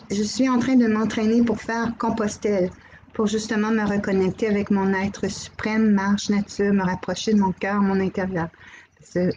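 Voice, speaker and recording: Woman, Québécois accent, middle-aged, slow unhurried delivery, faint background hiss, live-stream medium. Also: medium pitch, rough recording. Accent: Québécois French. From Quebec. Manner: slow, gentle, relays messages, greets viewers by name. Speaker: medium hosting a live channeling session. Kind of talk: live stream chat with viewers.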